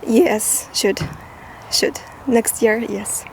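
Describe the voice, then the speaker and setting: Young Kazakh-accented woman, high-pitched, very slow halting English; faint outdoor noise. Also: creaky, a little mellow. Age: young adult. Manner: halting, simple English with laughs.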